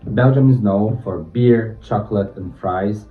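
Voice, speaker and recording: A man in his thirties from Brazil, introducing himself as a contest candidate in an upbeat way, sometimes pausing on fillers. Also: on the low side. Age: 30s. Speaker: contest candidate, science teacher. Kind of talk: prepared self-introduction. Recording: tinny, distant and echoey.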